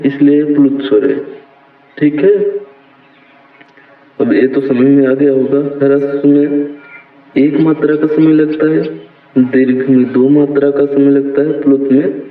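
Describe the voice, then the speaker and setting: A man teaching a Hindi lesson slowly, repeating his points and checking in often. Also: medium pitch. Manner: slow, repeats points, says "theek hai" often. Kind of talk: slow explanatory lesson. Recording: phone-like, echoey, distant.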